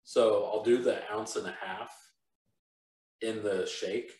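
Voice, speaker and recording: Laid-back deep-voiced man, roomy sound. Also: fairly even intonation, slow pace, darkish tone. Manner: laid-back, rambling with fillers. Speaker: podcast host. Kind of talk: casual chat. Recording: roomy, from a distance.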